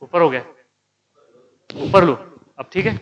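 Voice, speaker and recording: A man's voice: a little high, slow, dull audio, slight background noise. A male chemistry teacher lecturing a class, quizzing students and answering his own questions, and calling out those who are not paying attention. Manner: scolds inattentive students.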